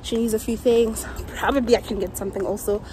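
A woman's voice: on the high side, steady tone, fast, noisy background. A young woman with a South African accent, chatting casually in a vlog and mixing Setswana with English, filmed on a phone at arm's length. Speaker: vlogger. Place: car and shops, handheld camera. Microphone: phone camera at arm's length.

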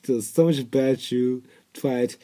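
A young man with a mellow, medium-pitched voice talks a little slowly as he rambles and jokes through a cartoon reaction video. He's in a small bedroom using an earbud headset mic, tossing in mumbled asides and swearing along the way.

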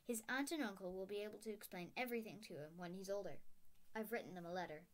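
A woman voicing a calm, grave old male wizard headmaster in a read-aloud story, speaking quietly and heavily. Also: mid-range voice, natural voice. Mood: grave, firm. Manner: quiet, heavy, measured.

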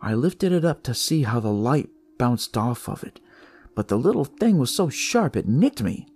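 With music playing behind him, a storyteller voices a male detective recounting an eerie, sinister find in the first person, in the chatty, theatrical style of an audio drama. His mid-range voice is husky and darkish, very animated, at a normal speed. He sounds uneasy and wry.

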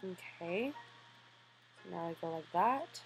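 A woman gamer giving let's-play commentary, reading the game text aloud in an animated way. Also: lowish voice, slow pace, creaky, breathy edge, faint music behind, poor audio.

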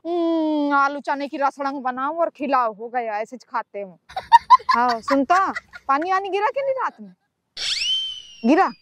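A woman's voice: sits high, very animated, unhurried, heavy background noise. A woman in a comedy sketch, chatting on the phone and bickering and scolding.

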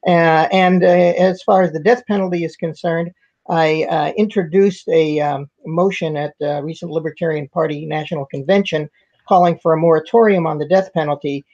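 An older man speaks as a guest on a video-call roundtable, stopping often on fillers as he works through his thoughts. His voice sits a little high and comes through a headset mic. The call audio is dull and lo-fi. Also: fairly even intonation, normal speed, a little mellow. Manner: hesitant, many fillers. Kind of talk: casual discussion. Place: wood-panelled home room.

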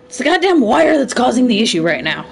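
A woman's voice: on the high side, big pitch swings, fast talker, gravelly. A woman streaming a video game with a friend, talking casually and swearing offhandedly. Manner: laid-back, swears casually. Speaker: gaming streamer. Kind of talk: casual chat while gaming. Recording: distant mic, faint background music.

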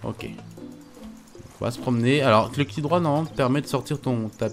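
A man's voice: mid-range voice, fairly quick, soft background music. A man giving casual let's-play commentary, chatty and stumbling, reading game text aloud and swearing lightly. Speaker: gaming YouTuber.

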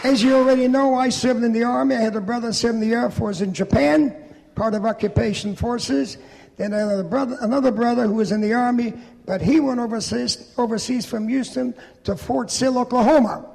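A man in his eighties from Poland speaks to a crowd in a large event hall, plainspoken and dryly funny. His voice sits high and has a gravelly rasp. The room adds a long, echoing reverb. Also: fairly even intonation, brisk, a little mellow. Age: 80s. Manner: plainspoken storytelling with dry humor. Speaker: Holocaust survivor and veteran speaker. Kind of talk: public speech.

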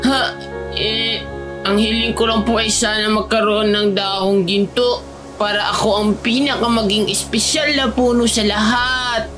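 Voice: mid-range voice, flat delivery, a little slow, music in the background, close to an everyday voice. An actor voicing a small, vain, self-pitying pine tree in a children's cartoon story, in a whiny, exclaiming, childlike manner. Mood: pleading.

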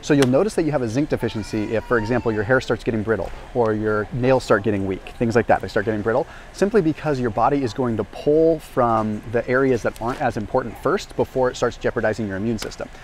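Talking fast with few pauses, this thirtyish man has a mid-range, darkish voice and a slight hiss or hum on the audio. He's a health and nutrition vlogger clipped with a small lapel mic, energetically leading an educational grocery walk-through down an aisle of a large indoor warehouse store.

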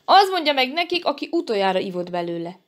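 A woman voicing a scared little wildcat girl, with high, fretful exclamations. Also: very animated. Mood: alarmed.

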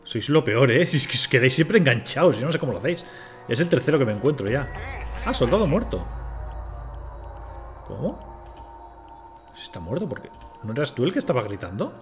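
A man's voice: mid-range voice, sing-song, fairly quick, pauses often, soft background music. A man from Spain, swearing and talking to himself as he streams a game. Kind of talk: casual live gameplay commentary.

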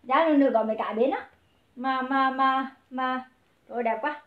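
A high-pitched woman runs a livestream clothing sale, rattling off prices and calling to her viewers. Her voice rings in a roomy space, and the sound is a little dull and muffled. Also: moderate pace. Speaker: online clothing seller.

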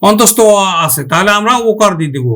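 Preparing students for an exam, this man runs a grammar lesson in a high, animated voice with a fairly bright tone and a quick pace. He breaks words into syllables as he speaks and throws rhetorical questions at the class.

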